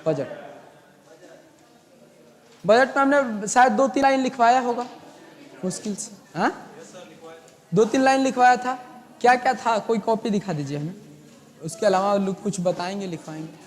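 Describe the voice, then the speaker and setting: A hoarse male teacher lecturing a classroom and dictating notes, repeating each line slowly and hushing the students. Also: high-pitched, in a large hall. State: hoarse, sore throat.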